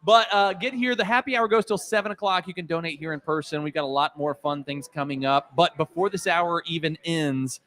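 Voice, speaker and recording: A man co-hosting a charity livestream, playful and excitable, teasing his co-hosts. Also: a little high, fairly quick, hardly any pauses. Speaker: livestream co-host. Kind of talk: lively charity stream banter.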